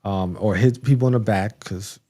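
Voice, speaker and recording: A podcast co-host with a fairly low, mellow voice recaps wrestling matches at a moderate pace in rambling, casual chat. He laughs now and then and has a touch of the hiccups.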